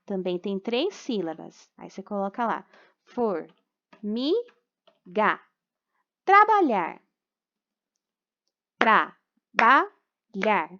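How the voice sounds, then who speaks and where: A Brazilian woman, a primary school teacher, patiently walks parents through homework answers, checking in often and spelling out words slowly syllable by syllable. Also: medium pitch, a bit bright, dull audio. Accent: Brazilian Portuguese. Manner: patient, explanatory, frequent check-ins, slow syllable-by-syllable dictation. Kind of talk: recorded lesson correction for parents. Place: at home during quarantine.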